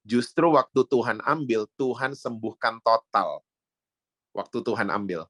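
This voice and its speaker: A middle-aged male pastor with an Indonesian accent preaches in a storytelling way, slipping English phrases into his talk. His voice sits at an ordinary pitch and leaps up high when he quotes people. The sound is close and dry, with hardly any room on it. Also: animated, a little slow, a bit bright, dry recording. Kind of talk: sermon. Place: church sanctuary.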